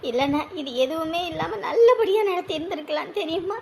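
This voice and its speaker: An actress playing a fretful middle-aged aunt who scolds and laments. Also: female voice, very high-pitched, animated, a little fast, creaky, slight background noise, heavily acted. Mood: lamenting. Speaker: aunt of the bride. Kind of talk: TV drama acting.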